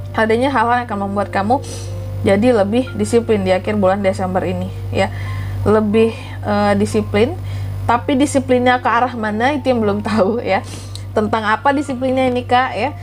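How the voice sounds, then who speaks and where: A woman's voice: a little high, a little mellow, poor audio. An Indonesian woman with a congested, blocked-nose voice from a cold, chatting through a tarot reading as host and often adding questioning tags. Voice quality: congested, stuffy-nosed voice from a cold. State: has flu with blocked nose and sore throat, clearing throat. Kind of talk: casual tarot reading narration.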